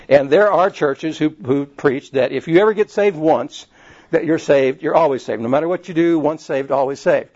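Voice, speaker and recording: A man's voice: medium pitch, darkish tone. A man preaching a sermon in a conversational, rambling way, often restarting his sentences. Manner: conversational, digressive, with frequent restarts. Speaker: pastor. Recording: slightly dull, lo-fi recording.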